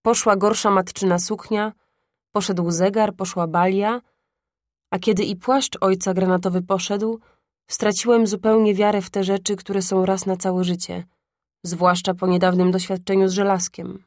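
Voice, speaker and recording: A woman narrating a classic story in a calm, even storytelling manner, close to the mic. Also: mid-range voice, normal speed, no echo. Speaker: audiobook narrator. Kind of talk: scripted literary narration.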